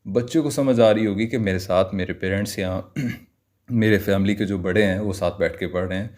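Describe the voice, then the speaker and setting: A man with a fairly low voice and a Pakistani accent leads an online Qaida lesson. He drills syllables one by one, slowly and clearly, and switches between Urdu and English explanations. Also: darkish tone. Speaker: Quran reading teacher.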